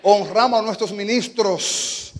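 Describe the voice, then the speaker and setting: A man with a Dominican Spanish accent preaching a sermon as a pastor, moving between quiet teaching and fervent, shouted exhortation. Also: high-pitched, a little slow, big-room sound.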